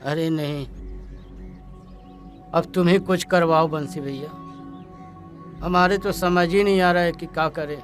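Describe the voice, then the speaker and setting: An actor playing an anxious, indebted village farmer who grumbles and scolds. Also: male voice, on the high side, steady tone, measured pace, long pauses, close to an everyday voice. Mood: worried. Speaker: villager in debt. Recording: film soundtrack with background music.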